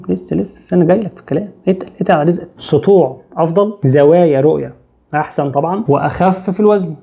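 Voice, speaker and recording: Gravelly joking Egyptian tech host. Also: male voice, fairly high pitch, dark tone. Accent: Egyptian Arabic. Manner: joking, chatty, addresses listener with street slang. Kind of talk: comic tech explainer.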